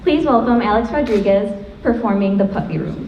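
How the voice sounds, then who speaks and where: A woman's voice: mid-range voice, a little fast. A woman in her twenties, the assistant director, introduces student performers from a school stage in a polite, slightly nervous way. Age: 20s. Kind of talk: stage introduction to a live audience. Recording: dull echoey hall, far from mic, faint hiss.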